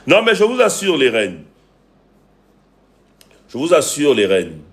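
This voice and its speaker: A livestream host and relationship coach with a Cameroonian accent preaches to his viewers in a fairly high voice with huge pitch swings, keeping a measured pace. He hammers points home by repeating phrases and stops to greet commenters.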